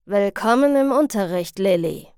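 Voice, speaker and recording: A woman's voice: mid-range voice, animated, normal speed, a little mellow, clean tone, dry recording, natural voice. Woman doing a dry, stern male chemistry teacher. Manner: dry, firm, lightly mocking.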